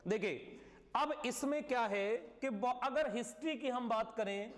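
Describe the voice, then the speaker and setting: A male teacher giving a live online class lecture, often repeating key words and checking "clear?". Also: very high-pitched, measured pace, long reverb tail.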